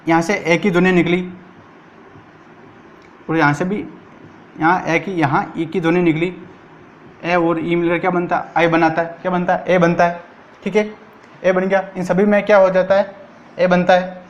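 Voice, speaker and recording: A man's voice: high-pitched, flat delivery, moderate pace, pauses often, lo-fi sound. A man teaching a grammar lesson for exam prep, asking and answering his own questions.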